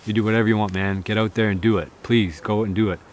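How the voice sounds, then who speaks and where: Earnest thirties man, slightly low voice, casual to-camera advice outdoors, lots of fillers. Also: fairly even intonation, fast. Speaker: outdoor vlogger. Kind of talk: casual talk to camera, reading viewer comments. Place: outdoors in a snowy forest. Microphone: camera close in front, seated.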